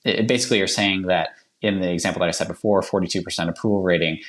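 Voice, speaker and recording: Deep voiced guy with a boston accent, chatty podcast guest, lots of ums and restarts. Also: fairly even intonation, a bit bright. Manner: rapid, chatty, many fillers and self-corrections. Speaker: polling analyst guest. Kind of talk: podcast explanation.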